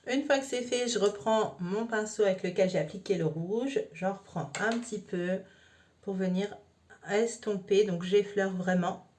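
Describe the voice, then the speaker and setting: A woman's voice: medium pitch, a little slow, a little mellow. A woman talking through a makeup tutorial step by step, casual and chatty with frequent fillers. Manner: chatty, explains each step with many fillers. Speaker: makeup vlogger.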